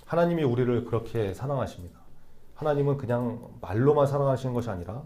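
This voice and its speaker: A man's voice: mid-range voice, lively intonation, quick pace, warm tone. A young man preaching a sermon to a youth group in a conversational way, often checking in with the listeners through rhetorical questions. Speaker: youth pastor.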